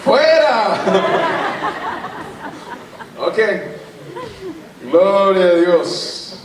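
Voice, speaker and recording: A lively male pastor preaches a sermon full of joking stories and keeps pulling the congregation in. His somewhat high voice rings through an echoey church hall, caught from a distance. A faint hum of the room sits behind him. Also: measured pace, a loud crowd.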